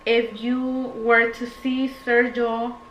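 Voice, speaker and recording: A woman's voice: fairly high pitch, flat delivery, takes it slowly, lo-fi sound. A young woman YouTube vlogger, tipsy and rambling in a casual Q&A chat, blunt and sweary. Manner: tipsy, loose rambling talk. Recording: echoey room with faint noise.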